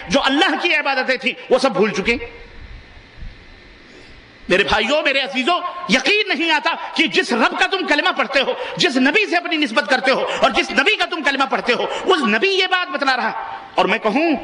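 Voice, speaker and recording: Male preacher, Pakistani Urdu accent, fiery exhorting sermon, very high bright voice. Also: roomy sound. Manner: exhorting, rhetorical questions to the congregation; soars to high emphatic peaks. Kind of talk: impassioned sermon.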